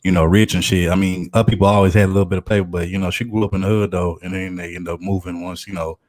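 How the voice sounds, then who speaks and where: A man's voice: low-pitched, level tone, very fast, darkish tone. A man in his thirties from Houston with a Southern accent, chatting casually and rambling with many fillers. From Houston, Texas. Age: 30s. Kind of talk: casual podcast chat.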